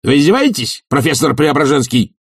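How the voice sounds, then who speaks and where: A man's voice: a little high, big pitch swings, a little fast, husky, no room sound, studio quality, voice pushed up, full character voice. A man voicing an indignant young male house-committee chairman who talks in a pompous, stiffly formal way.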